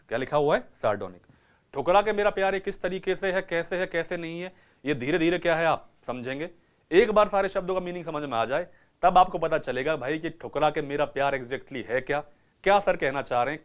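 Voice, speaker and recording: A man teaching English vocabulary to a class in a classroom, repeating each word in a call-and-response way and drawing out English phrases slowly for dictation. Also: on the high side. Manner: repetitive call-and-response questioning, addresses students as beta. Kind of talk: classroom lecture.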